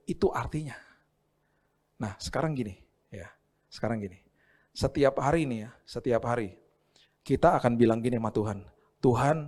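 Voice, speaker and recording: A middle-aged male pastor giving a conversational sermon, dropping English phrases in and acting out dialogue in sudden high voices. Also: a little mellow. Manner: mixes English phrases into his talk.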